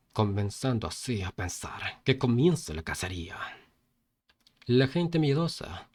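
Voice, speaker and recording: Lively young man narrating a comic recap. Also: on the low side. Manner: casual, insulting side characters.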